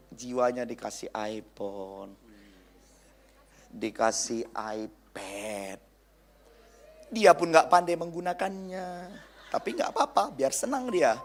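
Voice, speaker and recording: A man's voice: high-pitched, pushed and bright. A young man with a Medan Indonesian accent preaching a humorous youth sermon in a church hall, joking with the crowd and mimicking people.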